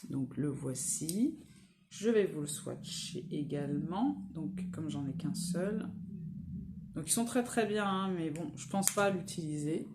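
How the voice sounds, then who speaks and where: Slow, low-voiced woman vlogger. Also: lively intonation, background noise. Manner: slow, hesitant, with many fillers and restarts. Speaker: beauty vlogger. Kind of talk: casual makeup product show-and-tell.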